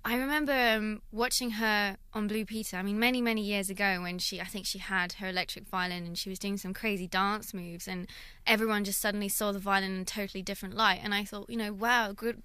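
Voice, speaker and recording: Young woman, London accent, bright crisp voice, dry close sound, friendly interview chat, frequent laughter. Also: mid-range voice, no echo. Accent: London English. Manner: friendly, laughs often, thoughtful. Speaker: guest violinist.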